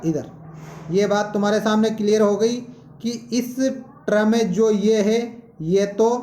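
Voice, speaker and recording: A male teacher, explaining a lesson slowly and posing questions to students. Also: high-pitched, mellow, reverberant. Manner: slow, explanatory, asks questions. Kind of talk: classroom-style lesson.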